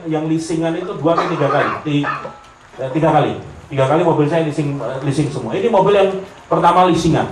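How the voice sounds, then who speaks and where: A man's voice: on the high side, slight background noise. A man with a Javanese accent giving a humorous sermon, telling stories and acting out the voices of the people in them. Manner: animated, jokey, slips into Javanese, acts out voices. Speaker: preacher. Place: lecture hall with audience laughter. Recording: echoey hall, heard from a distance.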